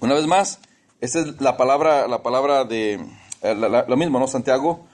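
A man's voice: medium pitch, moderate pace, a little mellow. Man preaching a sermon. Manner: personal stories, calls listeners brothers; mixes in English words.

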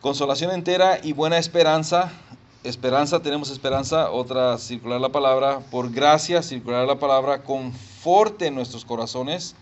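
A male pastor preaching a sermon and praying, animated and emphatic, acting out voices and sounds. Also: medium pitch, lo-fi sound. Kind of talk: sermon and prayer.

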